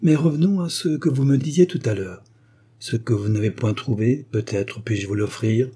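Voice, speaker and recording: A man reads the part of a stern, wealthy American father with a commanding, imperious way of questioning. His tone is mellow and somewhat husky. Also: medium pitch, normal speed, lightly acted.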